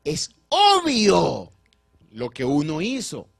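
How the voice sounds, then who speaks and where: A man preaching a sermon as pastor, swinging between loud and soft and putting rhetorical questions to the congregation. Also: on the high side, wildly swooping pitch, slow, vocal fry.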